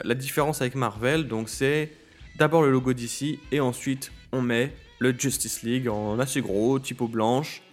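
A man hosting a podcast in casual solo talk, hesitant, with many fillers and restarts. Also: medium pitch. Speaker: podcast host.

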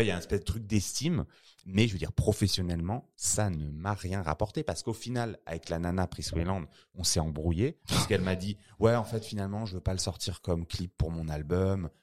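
Homme à la voix très grave, bavard. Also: male voice, sits low, fast talker. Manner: slangy, rambling with many fillers and restarts. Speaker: filmmaker guest. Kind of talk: casual interview chat.

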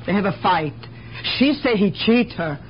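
Here a radio drama actress portrays a reserved, straightforward immigrant woman, worn down by the world and speaking with broken grammar. Her mid-range voice is animated but natural, at a measured pace, confiding and resigned. It's a 1970s mystery broadcast, and the recording is dull with a faint hum of noise.

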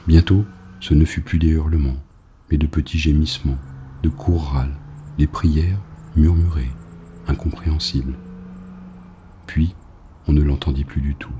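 A male audiobook narrator with an extremely deep, dark voice. He reads in a grave, measured way, letting each phrase land. The tone stays mellow and low throughout. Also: fairly even intonation, slight background noise.

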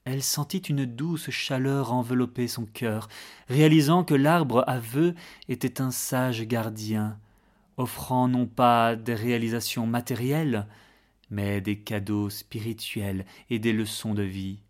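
A man narrating a fairy tale in a gentle, measured way, sometimes dropping to a hush. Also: mid-range voice, steady tone. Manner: gentle, measured, hushed at moments. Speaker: storyteller.

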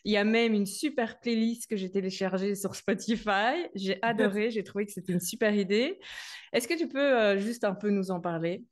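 A woman podcast host, asking questions in a casual, enthusiastic way. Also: mid-range voice. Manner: warm enthusiastic interviewer, quick agreement. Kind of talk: casual interview conversation.

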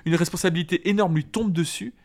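A man's voice: sits high, a little mellow. A man hosting a casual book discussion, talking enthusiastically and reading passages aloud. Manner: enthusiastic, halting restarts. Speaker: podcast host and reader.

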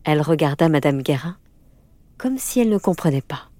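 Lower-voiced woman narrating a storybook. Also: no echo. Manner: measured, expressive. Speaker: audiobook narrator. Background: faint music.

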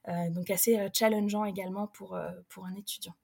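A woman's voice: medium pitch, fairly even intonation, brisk, vocal fry, darkish tone, slightly rough. A young adult woman, a recruitment specialist, answering interview questions in a casual, hesitant way with many filler sounds.

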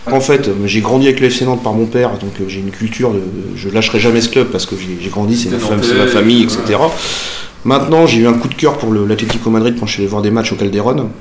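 A man's voice: fairly low pitch, fast talker, a crowd in the background. A man in his forties, an interviewee speaking casually and hesitantly, with many fillers. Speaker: interviewee, football fan. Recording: roomy with faint ambience.

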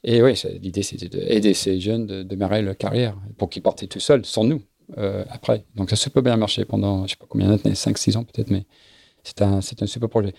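A middle-aged man, a guest in a casual interview, talking haltingly and searching for his words. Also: fairly low pitch, fairly even intonation, creaky, a little mellow, slightly rough, no room sound, clean studio sound. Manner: halting, searches for words, repeats himself often. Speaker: guest, sailing event business founder.

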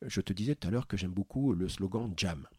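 A man, a podcast host, talking earnestly about his interviews in a warm, heartfelt way, often restarting his sentences. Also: low-pitched, brisk, slightly rough, dry recording, clean studio sound. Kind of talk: conversational interview storytelling. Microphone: studio microphone.

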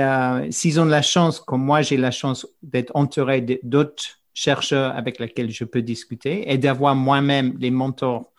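A middle-aged man with a mid-range, slightly mellow voice speaks off the cuff as a researcher being interviewed; he also co-hosts a podcast. He repeats words while hunting for the right phrasing.

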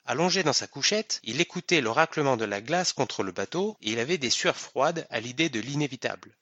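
A man narrating a novel in a measured storytelling manner. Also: medium pitch, expressive, fairly bright tone, no echo, lo-fi sound. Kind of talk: audiobook narration.

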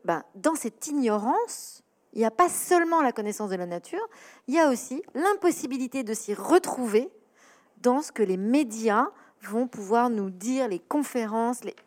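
A woman hosting an interview, probing her guests with long, built-up questions. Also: on the high side.

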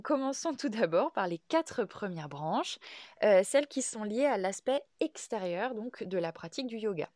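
A woman hosting a podcast, explaining in a calm, measured way with frequent hesitations. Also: mid-range voice, dry recording, studio quality. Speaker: podcast host, yoga teacher.

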